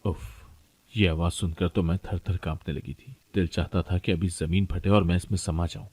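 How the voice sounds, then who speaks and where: A man narrates a moral story in a steady, even reading. His voice is very deep and the recording is dry and close. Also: husky, no echo.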